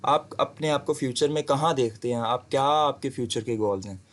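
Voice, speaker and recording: A man giving a recorded lesson, reading example sentences slowly and clearly. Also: medium pitch. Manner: slow, deliberate reading of English example sentences. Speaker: English teacher. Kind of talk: video lecture.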